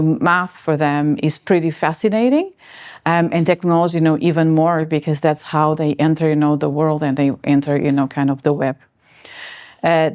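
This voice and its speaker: Female interviewee from Portugal, forties, deep voice, halting delivery full of fillers. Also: a little mellow. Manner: hesitant, many fillers and restarts. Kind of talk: casual interview answers.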